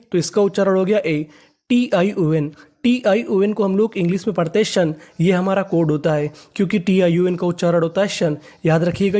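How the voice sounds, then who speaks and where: A man teaching English reading in a class. He spells out words, asks what they are read as, answers himself, and repeats each word slowly several times. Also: high voice, darkish tone. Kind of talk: classroom lesson.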